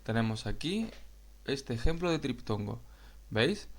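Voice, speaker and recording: A man with a Spain Spanish accent, teaching a grammar lesson in a slow, explanatory way and addressing viewers directly. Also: mid-range voice, very animated. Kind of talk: video lesson narration.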